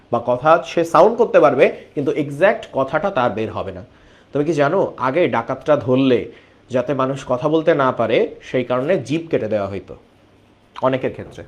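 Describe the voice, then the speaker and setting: A man's voice: mid-range voice, expressive, a little fast. A man teaching an online biology class, explaining step by step and often asking his students questions.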